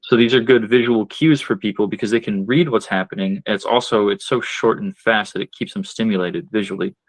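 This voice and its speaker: In a casual podcast conversation, a guest who works as a marketing strategist offers advice, breaking ideas down step by step and sprinkling in fillers and side comments. His voice is fairly low and fairly quick. The recording has no echo but is low in quality.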